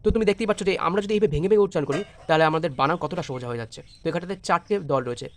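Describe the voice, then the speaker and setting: A man's voice: a little high, animated, very fast, slight background noise. A man with a Bengali accent teaching an exam-prep English lesson, spelling words letter by letter and mixing Bengali with English.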